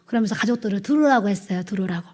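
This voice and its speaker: A woman's voice: mid-range voice, very fast, a little mellow. A woman pastor preaching a sermon, telling a testimony with repeated phrases and acted-out dialogue. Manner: storytelling, repeats phrases, acts out quoted dialogue.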